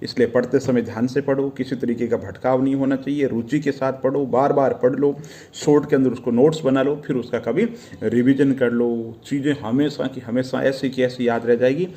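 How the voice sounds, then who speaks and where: Earnest teacher giving study advice. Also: male voice, mid-range voice, steady tone, moderate pace, warm tone. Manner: earnest, advising, addresses viewers as friends, repeats tag questions. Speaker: exam preparation teacher. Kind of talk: motivational study-tips talk to camera.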